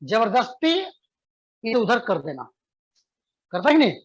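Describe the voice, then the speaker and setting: A physics teacher with an Indian English accent, dictating notes slowly and repeating phrases, then explaining quickly and asking the class questions. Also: male voice, very high-pitched, very animated, slightly rough, rough recording.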